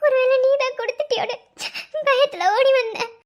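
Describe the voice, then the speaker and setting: A woman's voice: very high voice, fairly even intonation, normal speed, highs cut off, music in the background. A woman voicing a young pregnant wife in a cartoon, anxious and tender, with a Madurai Tamil accent. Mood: tearful. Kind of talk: cartoon voice acting.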